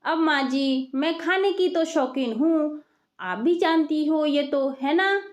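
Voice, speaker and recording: Food-loving young bride in a told story, high voice, gushing and pleading, voiced by a woman. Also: takes it slowly.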